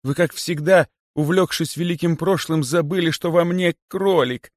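A man's voice: a little high, normal speed, no echo, studio quality, pitched above the performer's own voice, close to an everyday voice. A man voicing a terrified male boa who begs and pleads with his king in a storybook reading. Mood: terrified pleading. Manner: pleading, frightened.

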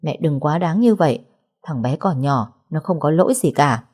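A woman's voice: deep voice, lively intonation, moderate pace, a little mellow, breathy edge. A woman reading a firm, protective young man. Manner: firm, restrained. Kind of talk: audiobook character reading.

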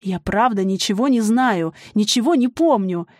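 A woman voicing a terrified young runaway woman who pleads hoarsely through tears in a storybook reading. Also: mid-range voice, expressive, moderate pace, no echo, clean studio sound, natural voice. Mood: pleading.

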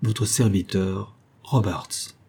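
Guy reading an old story out loud, dark mellow voice, kinda husky, slow and even. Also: on the low side. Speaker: audiobook reader. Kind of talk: scripted literary narration.

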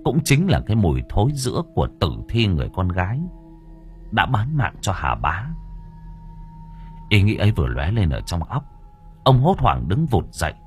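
A man narrating a horror story aloud with expressive, shifting delivery. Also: on the low side, moderate pace, long pauses, faint music behind. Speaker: audiobook narrator.

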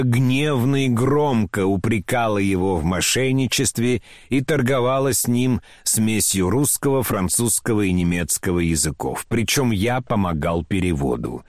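A man's voice: on the low side, no echo, studio quality. A man narrating a classic novel as an audiobook, telling the story with dramatic expression.

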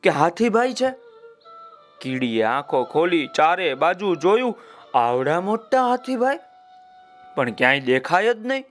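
A man telling a children's story slowly and repetitively, speaking directly to young listeners. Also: on the high side, very animated, faint music behind.

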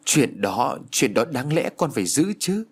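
Brief: man doing a sharp-tongued old landowner's wife in an audiobook, shrill and scolding, husky voice. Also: big pitch swings, moderate pace. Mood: shaken.

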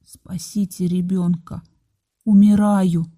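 A woman's voice: lowish voice, level tone, takes it slowly, warm tone, dry recording, studio quality. A woman voicing a young woman in labor, exhausted and in pain, in a faint pleading whisper.

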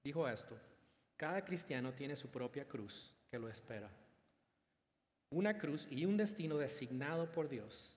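A man preaching a sermon in a mid-pitched voice, leaning on rhetorical questions and building emphasis as he speaks. His voice rings out with a long reverb, as if filling a large hall. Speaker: pastor.

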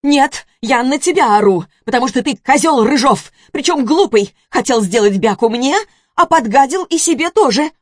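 Женщина-чтец озвучивает вспыльчивую бывшую жену средних лет, которая громко и обвиняюще кричит. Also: female voice, on the high side, expressive, normal speed, dry recording, clean studio sound, pitched above the performer's own voice. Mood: shouting. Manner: heated, accusing, shouting. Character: furious shrill ex-wife, middle-aged woman. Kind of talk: audiobook character voice.

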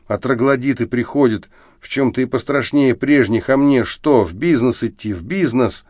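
A man's voice: medium pitch, lively intonation, slow, dry recording, clean studio sound, voice pushed up. A man voicing a drunk, bitter middle-aged academic who rants and slurs, slipping into lisping baby talk. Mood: drunk shouting. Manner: slurred, ranting drunk outbursts, lapses into lisping baby talk.

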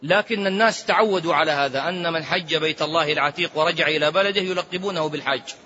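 High, bright-voiced man giving a lively religious talk. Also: quick pace. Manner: lively, swings between raised and hushed tones, chants recitations. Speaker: sheikh giving religious rulings. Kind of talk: religious lecture. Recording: dull lo-fi recording with faint noise.

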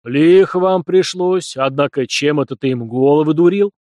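A stern old village priest, voiced by a man booms his rebukes in slow, drawn-out exclamations. The voice sits a touch above his usual pitch, heavy with reproach. The audiobook sound is dry and close. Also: warm tone, dry recording, lightly acted. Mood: coaxing.

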